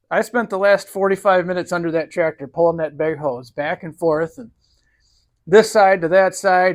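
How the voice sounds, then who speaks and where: A man narrating casually to his viewers while he works on a tractor in his barn, in a folksy, easygoing way. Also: sits high. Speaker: DIY tractor mechanic.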